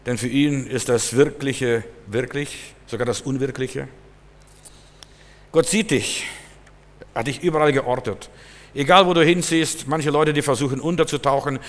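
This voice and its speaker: A man preaching a sermon emphatically, his voice swinging between loud stresses and quieter passages. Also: mid-range voice, normal speed. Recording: long hall reverb.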